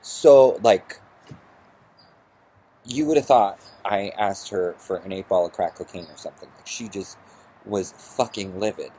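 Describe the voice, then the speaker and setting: Young guy, low husky voice, rambling vlog storyteller, swears a lot. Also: unhurried, low-quality recording. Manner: animated, swearing, rambling anecdote. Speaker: vlogger. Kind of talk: casual storytelling.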